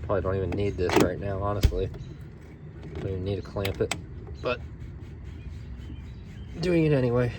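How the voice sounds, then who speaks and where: A man's voice: sits low, lively intonation, normal speed, pauses often. A man talking casually to the camera while he works on a car, with dry, sarcastic asides. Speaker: car repair vlogger. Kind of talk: casual narration while working. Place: garage or driveway by a running car. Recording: loud engine noise behind.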